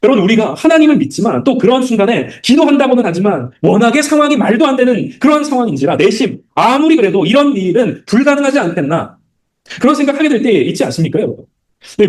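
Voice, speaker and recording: A man's voice: high voice, fast talker. A man preaching at a Bible study, asking his audience many rhetorical questions and acting out quotes. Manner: acts out quotes in lively voices. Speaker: pastor leading Bible study. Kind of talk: sermon.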